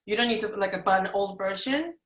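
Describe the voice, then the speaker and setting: A bright-voiced woman in her twenties, from Mexico, chats loosely on a video call and strings her thoughts together with plenty of fillers. Her voice comes through with a roomy echo. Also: medium pitch, fairly quick. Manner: chatty, rambling with many fillers. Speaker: advertising student. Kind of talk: casual video call chat.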